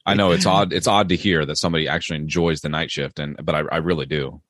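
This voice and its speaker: A young man from Maryland, a police officer and podcast guest, talking casually with many pauses and restarts. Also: a bass voice, steady tone, fairly bright tone, no echo, studio quality. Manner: hesitant, many ums and restarts. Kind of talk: casual interview chat.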